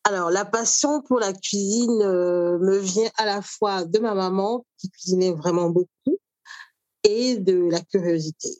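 A middle-aged woman from Cameroon, an author and cook, talking in an interview at a thoughtful pace with many pauses. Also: medium pitch, a little mellow, no echo. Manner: thoughtful, with frequent pauses and fillers. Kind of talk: conversational interview.

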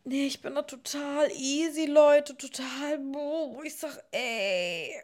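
A woman's voice: high voice, slow, a little mellow. A young woman co-hosting a casual podcast with her mother, telling stories in a chatty way and laughing often. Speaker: podcast co-host, daughter. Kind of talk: casual chat.

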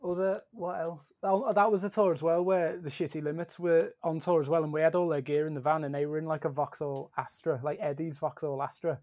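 A man's voice: on the high side, steady tone, a little fast, hardly any pauses, darkish tone, dry recording. A man, a musician, telling rambling stories in a casual podcast chat, often breaking into laughter.

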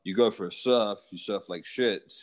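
Deep-voiced man rambling in interview. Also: moderate pace. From Zimbabwe. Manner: rambling, lots of fillers. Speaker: guest, surfer. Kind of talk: casual interview talk.

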